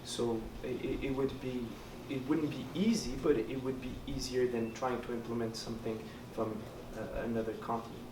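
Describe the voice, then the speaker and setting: At a debate held in a lounge hall, a male student candidate, a native French speaker, gives earnest answers riddled with hesitation and fillers. He speaks at medium pitch with fairly even intonation and a moderate pace, hardly pausing. The sound is roomy and distant, with noise in the background.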